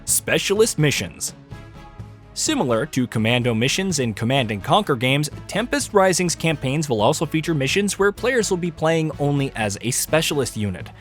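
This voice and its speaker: Lively countdown narrator, higher-voiced man. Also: a little fast, hardly any pauses, faint music behind. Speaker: video narrator. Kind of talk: scripted top ten countdown narration of a video game.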